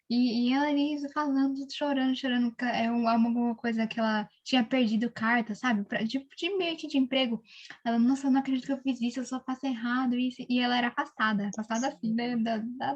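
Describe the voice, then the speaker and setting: Young woman, Brazilian accent, casual testimony, animated storytelling, fillers, muffled audio. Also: on the high side. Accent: Brazilian Portuguese. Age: young adult.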